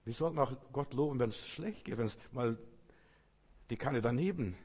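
A man's voice: mid-range voice, animated, normal speed, a little mellow, breathy edge. A man preaching an informal sermon in a folksy way, talking straight to the listener and repeating his phrases. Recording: long reverb, as in a hall.

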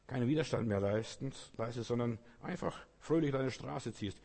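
A man delivers a casual, folksy sermon, speaking straight to his listener and circling back over his own phrases. His voice is a bit husky and breathy. Each line rings out and lingers, as in a large reverberant hall. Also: medium pitch, moderate pace, a little mellow. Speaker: preacher. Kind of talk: informal sermon.

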